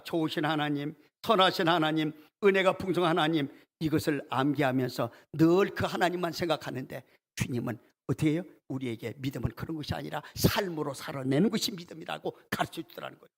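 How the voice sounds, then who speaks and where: A man's voice: on the high side, creaky. A male pastor preaching a Sunday sermon in a church, telling a story and acting out the prayers in it. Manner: storytelling, acts out quoted prayers with rising intensity. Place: church sanctuary.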